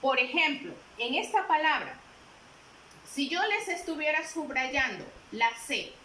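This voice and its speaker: A woman's voice: sits high, sing-song, unhurried, pushed and bright. A woman teacher giving a patient lesson, repeating key points and asking her listeners questions. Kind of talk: classroom lesson. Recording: roomy with faint noise.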